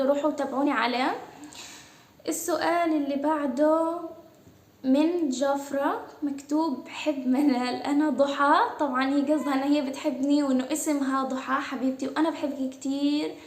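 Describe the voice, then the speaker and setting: A woman's voice: high-pitched, steady tone, brisk, reverberant, slight background noise. A young woman from Gaza with a Palestinian accent, chatting casually as she answers her followers' questions, with many hesitant fillers. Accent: Palestinian Arabic. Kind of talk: casual Q&A vlog.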